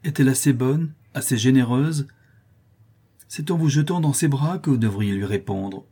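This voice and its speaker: Stern old dad, scolding and pleading, guy reading it plain, husky. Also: mid-range voice, moderate pace, mellow, pitched above the performer's own voice, close to an everyday voice. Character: stern, doting aristocratic father, older man.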